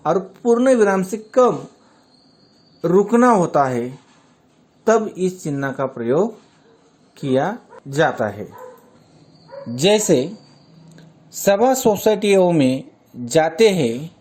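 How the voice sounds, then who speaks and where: A man teaching a grammar lesson, explaining slowly and deliberately to his students. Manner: slow, deliberate explaining with lively pitch.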